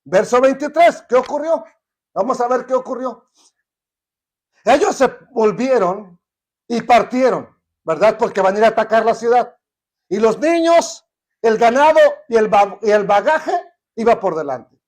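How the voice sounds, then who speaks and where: A man's voice: extremely high pitch, animated, unhurried, a little mellow. A man teaching a Bible study in a conversational way, often checking in with rhetorical questions.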